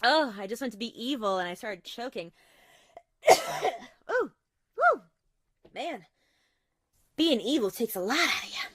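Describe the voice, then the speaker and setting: Bright, lively woman laughing at her own flubs. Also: on the high side, unhurried, long pauses, no room sound. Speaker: voice actor. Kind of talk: recording game lines with bloopers.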